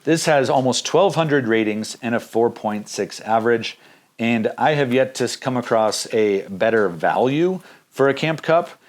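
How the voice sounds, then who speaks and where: A man's voice: mid-range voice, animated, a little slow. Upbeat man reviewing camping gear. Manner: upbeat, jokey, plainspoken. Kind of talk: casual gear review vlog.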